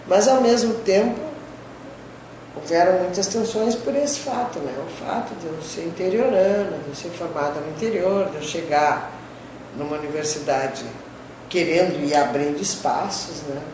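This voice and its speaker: Speaking at normal speed in a lowish voice, this older woman professor from Brazil's southern border tells the story of her career in an interview. Spanish terms dot her Gaúcho accent, and "né?" tags close many of her conversational sentences. It's recorded from a distance in an echoey room with clear background noise.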